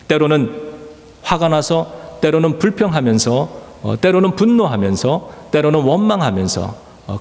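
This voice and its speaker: A man pastor delivering a sermon in earnest storytelling, often pausing with filler sounds. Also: on the high side, darkish tone, long reverb tail. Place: church sanctuary.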